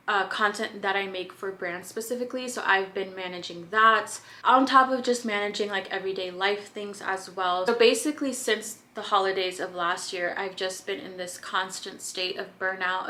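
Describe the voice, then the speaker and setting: A young woman talks candidly to camera in a casual vlog, her voice bright and clear at a middle pitch. She chats freely, with lots of "like"s, and sounds a little out of breath. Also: slight background noise. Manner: chatty, candid, filler-heavy with frequent "like". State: slightly out of breath. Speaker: vlogger and podcast host. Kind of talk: casual confessional chat to camera.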